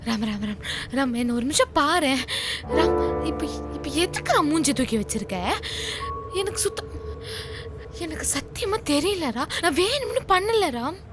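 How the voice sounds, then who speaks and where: A tearful, devoted young college girlfriend who pleads with her partner. Her voice is very high and swings widely, with film music under her lines. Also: very animated, moderate pace. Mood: pleading. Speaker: actress. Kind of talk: short film drama acting.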